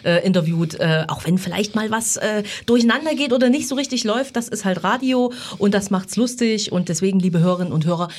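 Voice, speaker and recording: Husky-ish lady, medium pitch, community radio presenter, casual candid chat. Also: fast, few pauses.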